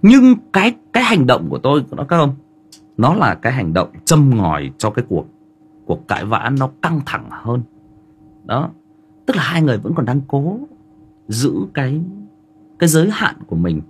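A man's voice: mid-range voice, very animated, normal speed, long pauses, breathy edge. A man with a Northern Vietnamese accent, hosting a livestream and telling a family story in a casual, rambling way full of filler words. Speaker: livestream host.

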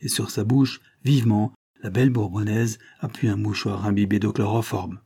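A man reading a novel aloud in a measured, dramatic storytelling manner. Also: lowish voice, fairly even intonation, gravelly, mellow, breathy edge. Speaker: audiobook reader. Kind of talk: audiobook narration.

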